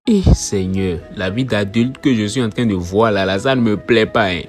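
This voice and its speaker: A man's voice: lowish voice, normal speed, faint music behind. A young man delivering a weary, lamenting comic monologue. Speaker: comedy sketch creator.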